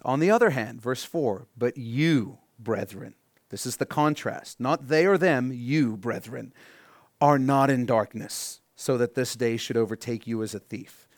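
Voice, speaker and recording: Reading from scripture, a male pastor explains the passages and questions his congregation, swelling loud on key lines and sinking to a quiet hush for emphasis. The sound is clean studio audio with no room sound.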